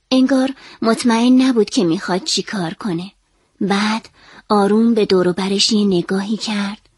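A woman calmly and expressively reading a children's story aloud. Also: mid-range voice, slightly rough, dry recording, studio quality.

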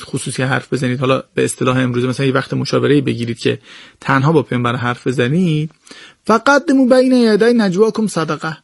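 Gravelly-voiced man explaining scripture. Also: dry recording, studio quality. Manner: animated, swinging pitch and pace; addresses listeners directly and politely. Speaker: religious speaker explaining Quran verses. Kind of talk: explanatory religious talk.

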